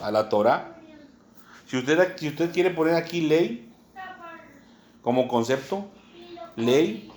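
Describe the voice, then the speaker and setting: Unhurried Mexican preacher with faint hiss. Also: male voice, mid-range voice. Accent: Mexican Spanish. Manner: unhurried teaching tone, many "¿verdad?" asides, spells words out. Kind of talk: sermon.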